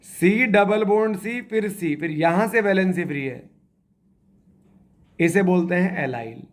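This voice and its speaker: Brief: male chemistry teacher, high voice, quizzes the class, slow step-by-step. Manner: asks the class questions and repeats answers; spells out structures slowly, step by step. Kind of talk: classroom lecture.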